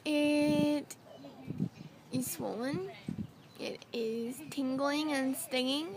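Chatty high-voiced young woman vlogging. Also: extremely slow. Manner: chatty, animated. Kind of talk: casual vlog chat. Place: outdoors on a boat. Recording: noisy outdoor ambience.

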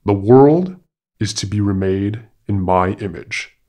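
A man's voice: lowish voice, slow, warm tone. A man voicing a boastful male monkey who proclaims himself a man, speaking in a grandiose, declaiming manner.

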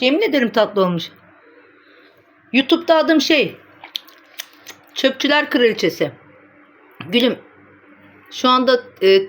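Blunt, teasing woman chatting to camera. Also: fairly high pitch. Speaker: vlogger. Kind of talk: casual chat to camera.

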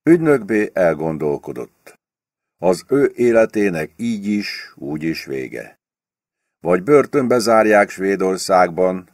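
Deep-voiced man reading an audiobook. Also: a little mellow, no room sound, clean studio sound. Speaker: audiobook reader. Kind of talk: audiobook narration.

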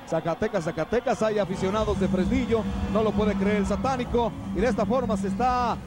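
A Mexican man working as a wrestling commentator, calling lucha libre play-by-play in an excited, dramatic sportscaster delivery. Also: high-pitched, fairly quick. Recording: noisy old TV broadcast, arena ambience.

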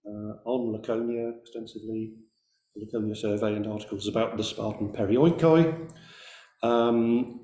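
A man's voice: medium pitch, darkish tone, reverberant. A man giving an academic lecture, reading carefully from a script with brief hesitations. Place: lecture room.

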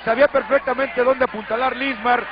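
A man with a Mexican accent calling wrestling play-by-play as a commentator, excitedly repeating words for emphasis. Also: very high voice, a little fast, over a noisy crowd. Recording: dull lo-fi TV audio, very noisy arena. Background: loud arena noise.

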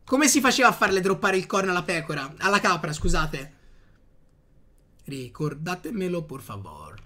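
Bright-voiced gamer chatting. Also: male voice, sits high, moderate pace. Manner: chatty, talks to viewers, excitable outbursts. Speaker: gaming youtuber. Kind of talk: casual gameplay commentary.

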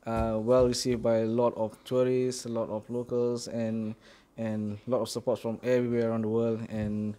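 A man's voice: mid-range voice, little pitch movement, normal speed, hardly any pauses, mellow. A middle-aged man from Singapore, founder of a small mosque, answering interview questions steadily with many ums, recorded indoors on a handheld mic. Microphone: handheld mic held by interviewer.

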